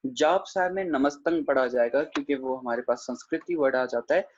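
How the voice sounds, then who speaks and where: A man giving an online lecture on scripture pronunciation, demonstrating sounds slowly syllable by syllable and speaking respectfully to his listeners. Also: medium pitch, slight background noise. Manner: slow, careful syllable-by-syllable demonstration; addresses the congregation respectfully. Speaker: Gurbani grammar teacher. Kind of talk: online lecture over a video call. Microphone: video call microphone. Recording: dull lo-fi video call audio.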